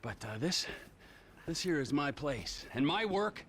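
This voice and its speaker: A man playing a volatile, unhinged middle-aged criminal in a video game cutscene, swinging from low menace to explosive shouting. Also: big pitch swings, a little slow, slight background noise. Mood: contemptuous.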